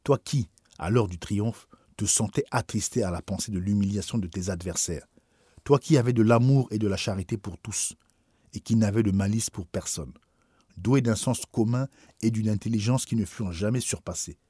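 Grave, husky-voiced man reading aloud. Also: lowish voice, normal speed, mellow, no room sound, clean studio sound. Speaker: audiobook reader. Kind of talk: solemn scripted narration.

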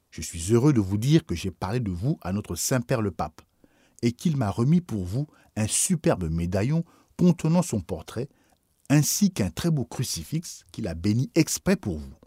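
A man's voice: lowish voice, dark tone, breathy edge, dry recording, clean studio sound. A man reading a grave old bishop, solemn and kindly. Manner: measured, solemn speech.

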